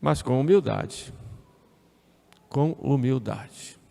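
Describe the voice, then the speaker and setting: A man's voice: medium pitch, drawn-out words, creaky, dark tone. A male priest delivering a homily in a conversational sermon style, repeating phrases and adding tag questions as he speaks. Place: church. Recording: echoey church with long reverb.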